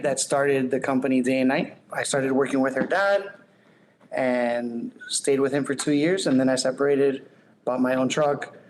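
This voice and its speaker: A man's voice: mid-range voice, a little hiss or hum, rough recording. Plain-spoken working man. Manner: plain-spoken, informal, rambling lists. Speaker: septic service owner-operator. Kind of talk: casual podcast interview.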